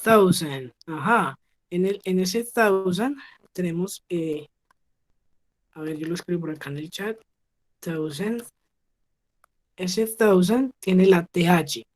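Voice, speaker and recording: A Colombian woman with a fairly low, slightly slow voice teaches pronunciation in an online English class over video call. She is patient and keeps checking that students follow with frequent "¿sí?".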